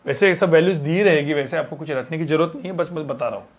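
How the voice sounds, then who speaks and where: Brief: young male physics teacher, higher pitch, casual and chatty, stretches words while writing on the board. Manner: talks while writing on a board, drawn-out words, many filler checks. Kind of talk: casual classroom lecture.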